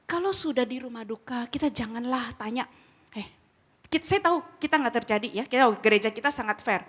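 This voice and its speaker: A middle-aged woman with a high, bright-pitched voice gives a casual church training talk on comforting the grieving. She tells stories and acts out both sides of remembered conversations in slangy, animated speech. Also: fairly quick, slightly rough. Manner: lively storyteller who acts out quoted exchanges in slangy speech. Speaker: speaker at a church grief ministry training.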